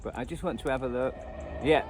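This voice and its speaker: Over traffic and radio static in a noisy outdoor setting, a man with a brisk, mid-range voice rambles through unscripted commentary. He is a radio hobbyist and video host, casual and self-deprecating in manner.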